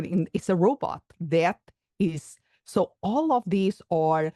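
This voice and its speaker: This Portuguese woman has a low, darkish voice and a Portuguese accent, recorded without echo. A psychologist and coach, she explains her views in a thoughtful conversational interview, occasionally restarting her sentences.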